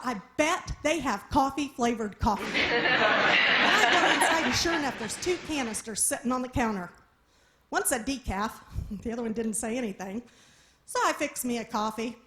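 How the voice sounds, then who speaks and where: High-pitched lady doing stand-up, storytelling, does the other people's voices, laughs at her own bits. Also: lively intonation, normal speed, pushed and bright, a faint crowd. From small town. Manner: storytelling, acts out characters, laughs at own jokes. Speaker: stand-up comedian. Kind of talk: stand-up comedy set. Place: live comedy venue with audience.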